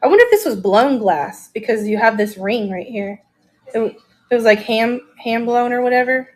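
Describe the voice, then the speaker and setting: A woman's voice: a little high, lively intonation, moderate pace. A woman hosting a casual live-stream auction, chatting enthusiastically and thinking aloud as she shows each item.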